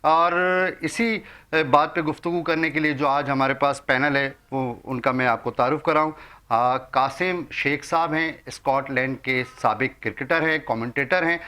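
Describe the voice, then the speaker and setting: A man hosting a sports talk show, giving formal, flowery introductions and cutting in quickly. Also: on the high side, sharp tone.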